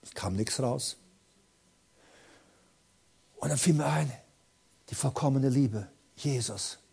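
A man preaches a fervent sermon straight to his congregation, repeating phrases for emphasis and swinging between quiet, intimate words and loud cries. His voice is medium-pitched, slow, gravelly and husky.

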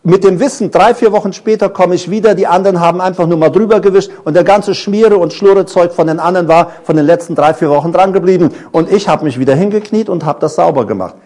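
A middle-aged man preaching a sermon, animated, asking his congregation question after question and telling stories from his own life. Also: high voice, fast, hardly any pauses. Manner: tells personal stories.

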